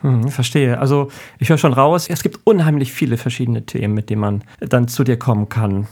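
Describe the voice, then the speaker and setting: A man's voice: mid-range voice, fairly even intonation, brisk, a little mellow. A man hosting his own podcast, introducing his guest and asking short, friendly questions. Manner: friendly, asks short questions, frequent affirming murmurs. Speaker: podcast host. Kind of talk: podcast interview.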